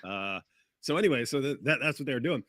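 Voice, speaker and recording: A man's voice: medium pitch, lively intonation, quick pace, fairly bright tone, no room sound. A man chatting casually as a livestream guest, telling a story in a rambling way with many restarts.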